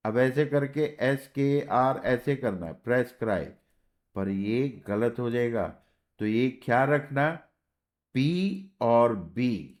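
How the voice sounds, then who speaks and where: A man teaching a shorthand lesson, patiently repeating words and checking in with his students as he writes. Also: medium pitch. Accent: Indian. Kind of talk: explaining a lesson while writing.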